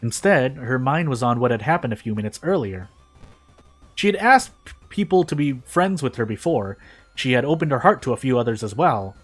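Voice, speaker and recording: With a mid-range, sing-song voice that's slightly rough and a little fast, a man rambles through casual gaming narration, poking fun at himself and reading fanfic. Soft background music plays underneath.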